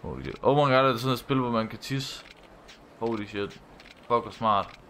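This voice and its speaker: A man's voice: medium pitch, bright, forceful tone, slight background noise. A young man streaming a game live, reading dialogue aloud, swearing and laughing as he plays. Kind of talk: casual live game commentary.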